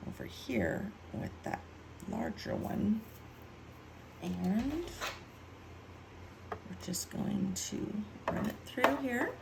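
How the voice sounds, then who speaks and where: A woman's voice: on the low side, vocal fry, background noise. A woman giving a casual craft tutorial, chatty and self-mocking as she thinks aloud while working. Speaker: card-making demonstrator.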